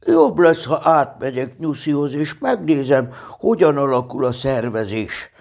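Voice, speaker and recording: A man reading a storybook, voicing an eager, impatient little male teddy bear who chatters excited questions. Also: medium pitch, gravelly, voice pushed up.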